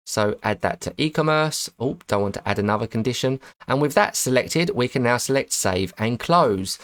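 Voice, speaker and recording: Male tutor, mid-pitched voice, methodical and self-correcting, screen-recording walkthrough. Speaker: web design tutor.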